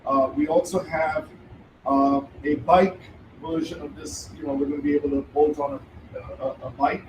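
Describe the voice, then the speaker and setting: A middle-aged man, founder of the treadmill venue, speaks hesitantly with many fillers to a live audience in an event room, holding a handheld mic. His voice is fairly high with a steady tone at a normal speed. It's captured from a distance in a roomy hall, with faint noise.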